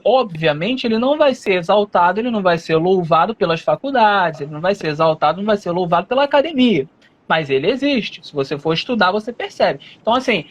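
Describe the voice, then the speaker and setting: A man from Rio de Janeiro state, with a Rio Brazilian Portuguese accent, answers as an interview guest in a measured, explanatory way, using frequent fillers. His voice sits high.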